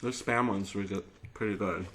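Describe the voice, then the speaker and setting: A man chatting casually as a mukbang host, musing out loud in a loose, tentative way. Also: fairly low pitch, fairly even intonation, moderate pace, slight background noise. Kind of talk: casual chat over a meal.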